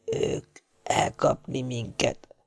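A man's voice: a little high, animated, gravelly, no room sound, studio quality, voice pushed up, heavily acted. A man voicing a dying, wounded male ship's cook who whispers faintly in broken grammar. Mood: gasping.

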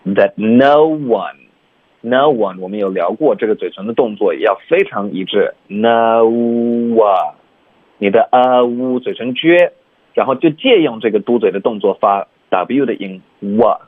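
A man teaching English pronunciation in Chinese, mixing in English and slowly repeating phrases sound by sound. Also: on the low side, expressive, husky, dry recording, phone-quality sound. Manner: breaks sentences into sounds and repeats them slowly.

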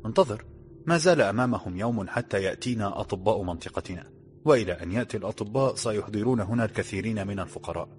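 A man voicing a calm, resigned poor man in his forties who speaks quietly. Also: on the low side, rapid-fire, soft background music, close to an everyday voice. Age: 40s.

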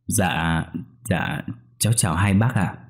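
A man's voice: low-pitched, slow. A man voicing a polite, deferential young man, shaken and mourning. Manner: humble and deferential.

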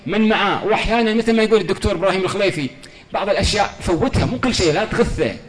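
A man's voice: high-pitched, very fast, a little hiss or hum. A man giving a religious lecture, telling stories in a fervent, pleading way. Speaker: preacher.

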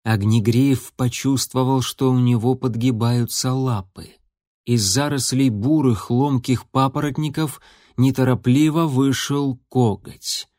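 A man reading a children's adventure story aloud in a steady, expressive narration. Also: medium pitch, measured pace, dry recording, studio quality. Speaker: audiobook narrator.

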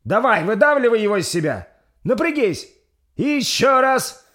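A man voicing a young midwife who shouts high-pitched urging commands. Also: wildly swooping pitch, normal speed. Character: young midwife, urgent and encouraging.

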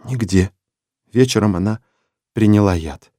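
A man voicing a small, disheveled violinist who speaks quietly and mournfully in an audiobook story. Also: on the low side, measured pace, dry recording, clean studio sound, lightly acted. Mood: sorrowful.

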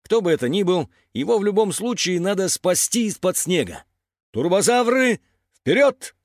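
A man voicing a young boy who leads a team, giving commands in a calm, decisive way. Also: high-pitched, a little fast, dry recording, studio quality, pitched above the performer's own voice. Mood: rallying. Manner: commanding, upbeat.

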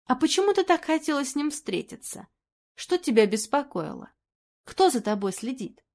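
A woman voicing a calm woman sleuth who talks quietly but firmly. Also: moderate pace. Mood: pressing. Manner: quiet, firm, low-voiced.

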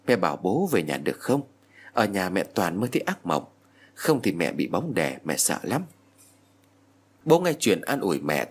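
A man with a low, husky voice tells a horror story, his pitch rising and falling with lively emphasis. Faint music plays underneath the narration.

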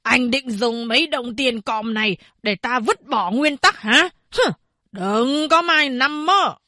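An arrogant official barks orders and scolds with open contempt, as a woman narrator voices him. His voice sits high and breathy, pushed harder than plain talk, recorded dry and close. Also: expressive, moderate pace, fairly bright tone, no echo, full character voice. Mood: angry. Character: arrogant, bullying male government official.

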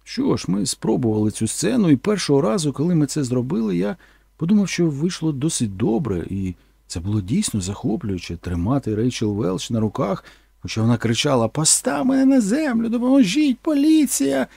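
Man, audiobook narrator, earnest storytelling, dark husky voice, lively delivery. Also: mid-range voice, a little fast, no room sound. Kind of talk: first-person audiobook narration.

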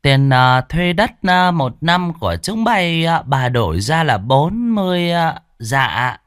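A man's voice: a little high, big pitch swings, a bit bright, clear, resonant tone, no room sound, clean studio sound, pitched above the performer's own voice, exaggerated voice. A man voicing a greedy, abusive old landlady who screeches and scolds. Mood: shrill scolding. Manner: screeching, scolding, drawn-out fillers.

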